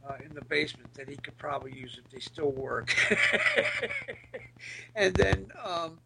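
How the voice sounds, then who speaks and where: A middle-aged man with a raspy, gravelly, gritty voice, reminiscing casually as an interview guest in a halting, searching way. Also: fairly high pitch, very noisy. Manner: halting, hesitant, searching for words. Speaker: podcast guest, former military band musician.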